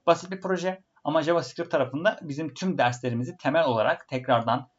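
A man's voice: a little high, quick pace. A man teaching a programming course, talking to viewers in a friendly way, his voice fuzzy and distorted from a built-in laptop microphone. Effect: distorted fuzzy sound. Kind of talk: online coding lesson wrap-up. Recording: dull lo-fi fuzzy laptop mic.

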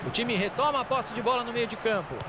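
A Brazilian play-by-play football announcer in a video game. His voice is very high-pitched for a man, and loud stadium noise surrounds it. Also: fast. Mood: engaged. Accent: Brazilian Portuguese. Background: loud stadium crowd ambience.

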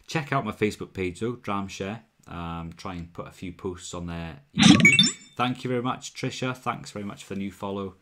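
Talking through a wired earphone mic, a deep-voiced young Welsh host runs a relaxed whisky livestream, chatting freely and picking up viewers' comments as they come. His Welsh accent is mild. He's in a small room at home with bottles on a shelf behind him.

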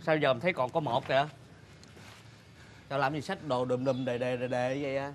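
A man's voice: medium pitch, moderate pace, slight background noise, lightly acted. A man playing a fussy, chatty eatery owner. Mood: surprised. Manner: animated, repetitive exclamations. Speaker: comedy sketch actor.

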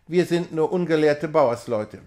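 A proud young peasant barks out toasts and orders with swagger, as a man reading a novella puts him on. The voice sits slightly high for a man. It is a storybook reading, not a full performance. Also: expressive, a little slow, mellow. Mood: boastful. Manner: commanding, swaggering. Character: proud young male peasant, boastful dancer. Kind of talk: reading a classic novella aloud.

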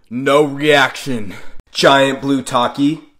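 Male food challenge creator, mid-pitched, unhurried, deadpan, terse item-by-item delivery. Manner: clipped short phrases listing items.

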